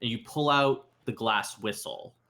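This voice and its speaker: A man narrating as game master of a tabletop role-playing game, relaxed and hesitant, with many ums and restarts. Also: mid-range voice, measured pace.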